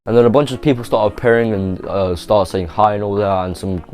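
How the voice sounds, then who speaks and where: A man's voice: fairly low pitch, steady tone, brisk, a little mellow, faint music behind. A man narrating a YouTube video in a casual, rambling, offhand way, full of "like" and restarts. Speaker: YouTube host.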